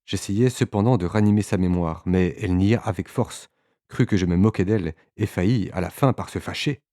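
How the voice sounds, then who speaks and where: A man narrating a literary audiobook in a measured way, with occasional small hesitations. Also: low-pitched, warm tone, no echo, clean studio sound.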